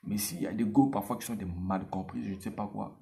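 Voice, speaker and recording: A man's voice: fairly low pitch, brisk, gravelly. A man giving casual dating advice straight to the viewer, repeating himself and using street slang. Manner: animated, repetitive, street slang, addresses viewer directly.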